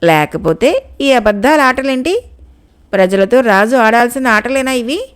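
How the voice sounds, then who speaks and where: A woman narrator voicing an outspoken, indignant wife in a told folk tale, with a sharp, scolding manner. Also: on the high side, expressive, unhurried, clear, resonant tone.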